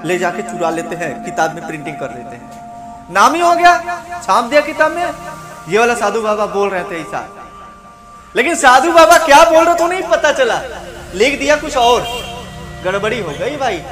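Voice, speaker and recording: A man's voice: very high-pitched, very animated, moderate pace, pauses often, music in the background. A man teaching a lesson on how to pronounce a mantra, asking rhetorical questions and repeating his points. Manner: explains with rhetorical questions and repetition. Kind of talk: spoken lesson on mantra pronunciation.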